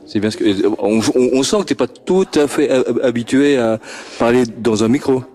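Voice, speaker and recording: There's slight background noise as a man with a mid-range, somewhat mellow voice talks at normal speed. He's interviewing children at a homework-help group in a friendly way, using a handheld mic that's passed around, and often stammers, repeats words and chuckles.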